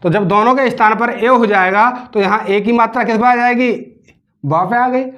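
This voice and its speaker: A man teaching a grammar lesson, asking questions and answering them himself and repeating words slowly as he spells them out. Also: sits high, fairly bright tone.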